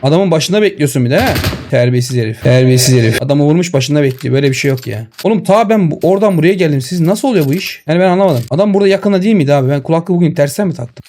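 Excitable man commentating a shooter game. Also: fairly high pitch, very fast, noisy background. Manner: excitable, talks to viewers and to the enemy. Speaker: gaming streamer. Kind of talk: live gameplay commentary. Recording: game sounds and gunfire behind.

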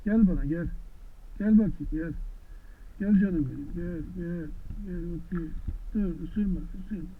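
A man talking gently to horses in an outdoor pasture, coaxing them with affectionate, repeated questions. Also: high voice. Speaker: vlogger visiting wild horses. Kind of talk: casual talk to animals. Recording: tinny lo-fi phone-like sound, faint noise.

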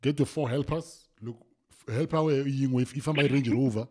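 A man's voice: medium pitch, a little fast, dark tone, husky. A man hosting a podcast, chatting in a teasing way and mixing English with local languages. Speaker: podcast host. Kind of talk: casual podcast chat.

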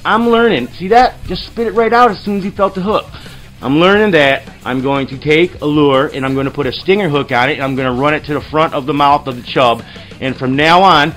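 A man hosting his own fishing show, giving a rambling, excitable voice-over with lots of fillers. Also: a little high. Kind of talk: casual voice-over commentary. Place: studio voice-over, not the pictured lake.

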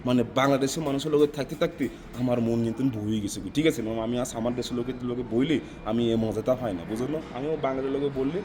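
A man's voice: mid-range voice, racing, few pauses, darkish tone, a little hiss or hum. A man from South Africa answering interview questions in Bengali with a non-native Noakhali dialect accent, rambling and often asking "right?".

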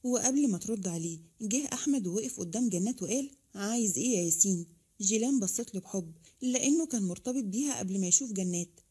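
A woman's voice: medium pitch, lively intonation, quick pace, warm tone, husky. A woman with an Egyptian accent reading a romance story aloud and voicing all the characters. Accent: Egyptian Arabic.

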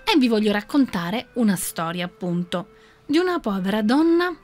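Conduttrice radiofonica che racconta una storia. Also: female voice, medium pitch, very animated, moderate pace, darkish tone, faint music behind. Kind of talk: storytelling narration.

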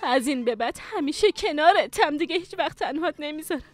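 An anxious, tender daughter. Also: female voice, high-pitched, expressive, soft background music. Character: young daughter at father's bedside. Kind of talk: Persian dubbing of a drama series.

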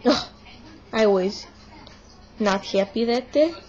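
A woman's voice: a little high, slow pace, a little mellow, breathy edge, muffled recording. A young woman performing a comic monologue as a stubborn young Russian woman, with a put-on Russian accent and broken English. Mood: indignant. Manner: broken English, dropped articles, exaggerated complaining. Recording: noisy home video recording.

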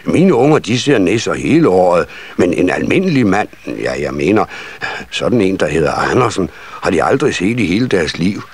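A man's voice: low-pitched, sing-song, breathy edge, full character voice. A man reading a children's story and voicing a jolly, coaxing Father Christmas.

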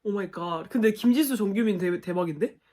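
A woman's voice: medium pitch, a little fast. A young woman reacting to a dating show episode, exclaiming and laughing as she talks to her viewers. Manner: animated, exclaiming and laughing at the screen. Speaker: reaction video host. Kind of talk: casual reaction commentary.

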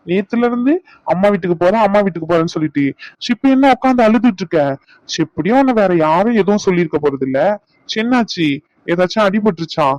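A man's voice: sits high, expressive, fast talker, darkish tone, no echo, lo-fi sound. A man doing a teasing cartoon husband. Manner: teasing, scolding banter. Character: young husband, teasing and bossy. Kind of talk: cartoon voice acting.

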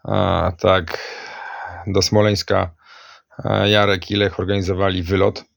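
A man with a deep, fry-laden voice gives an informal political rant. He is blunt and accusatory, yet often hesitates as he searches for the next word. The sound is dry, with little room around it. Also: flat delivery, a little slow, dry recording. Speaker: political commentator.

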